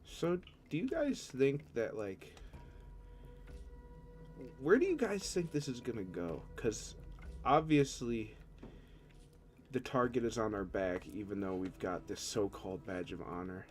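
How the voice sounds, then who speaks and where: A man's voice: lowish voice, expressive, a little slow, pauses often, faint music behind. A man playing a tabletop game in casual chat, sounding stoned, with a rambling, profane stoner manner. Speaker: tabletop roleplaying player.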